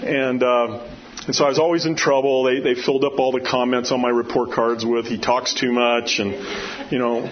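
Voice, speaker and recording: Amid clear background noise on a dull, lo-fi recording, a male preacher teaches a Bible study at a moderate pace. His loud, carrying voice is medium-pitched with little pitch movement, and his informal, emphatic, conversational sermon weaves scripture readings with personal asides and frequent questions to the audience.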